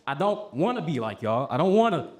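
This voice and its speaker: Fast-talking, self-assured man. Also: a little high, sing-song. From born in Dallas, raised in Cincinnati. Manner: fast, confident, repeats himself when pushed. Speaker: podcast guest, artist. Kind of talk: casual podcast conversation.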